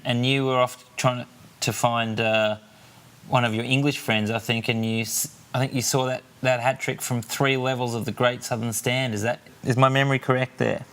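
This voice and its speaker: A man with a mid-pitched, everyday voice joins a relaxed podcast conversation. He questions his co-host and adds his own memories in a chatty way. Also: clear, resonant tone. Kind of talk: casual chat.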